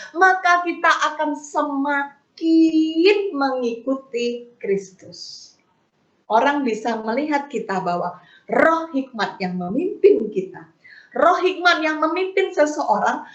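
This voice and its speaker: A middle-aged woman giving a testimony sermon at a prayer meeting, lively and acting out her own prayers in a raised voice. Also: sits high. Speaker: guest speaker at a prayer meeting. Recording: dull, roomy sound.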